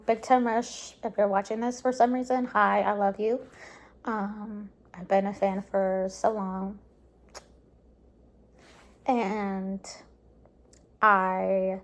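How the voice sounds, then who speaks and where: Gushing young woman, filler-heavy, tired. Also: mid-range voice. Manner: soft, drops into quiet near-whispers at times. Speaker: vlogger. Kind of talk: casual recap vlog to camera.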